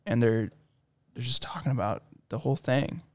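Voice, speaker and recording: A man's voice: mid-range voice, normal speed, darkish tone, dry recording. A man in casual chat, telling long rambling stories with lots of fillers. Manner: rambling storyteller with many fillers.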